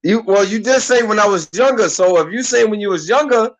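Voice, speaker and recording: High-voiced talk-radio host in his thirties. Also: a little fast, low-quality recording. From Harlem, New York. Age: 30s. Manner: loose, slangy and conversational, often restarting his sentences. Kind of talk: casual radio talk-show chat.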